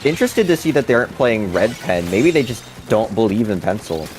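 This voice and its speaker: A man's voice: lowish voice, very animated, a little fast, darkish tone, a little hiss or hum. A young man giving color commentary on a video game match, dry and teasing. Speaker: esports co-caster.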